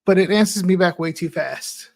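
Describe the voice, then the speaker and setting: A man's voice: high voice, moderate pace, vocal fry, a little mellow. A man co-hosting a tech podcast, talking casually and hesitantly, searching for words. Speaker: podcast co-host.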